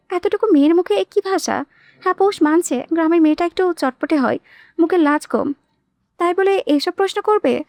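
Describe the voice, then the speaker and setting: A woman's voice: very high voice, a little mellow, no room sound, clean studio sound. A woman reading a romantic novel aloud as an audiobook narrator, voicing the characters' lines herself. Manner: reads all characters herself, shifting tone for quoted lines. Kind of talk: scripted novel narration with voiced dialogue.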